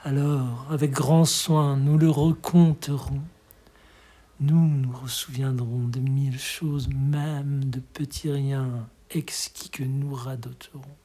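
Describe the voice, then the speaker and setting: A poetry reader recites in a hushed, breathy, medium-pitched voice. The delivery is measured, expressive, and tender.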